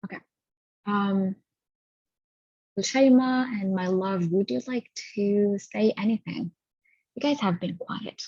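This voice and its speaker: A woman hosting a guided healing session over a video call, talking haltingly and stopping to gather her thoughts. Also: mid-range voice, mellow, no room sound. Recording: dull lo-fi audio.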